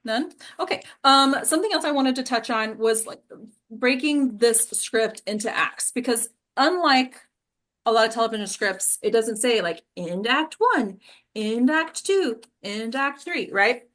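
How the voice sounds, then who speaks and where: A woman teaches and hosts an acting class, talking casually with a small group and frequently checking in with questions like "right?". Her voice is on the high side, expressive and fairly bright, at a measured pace.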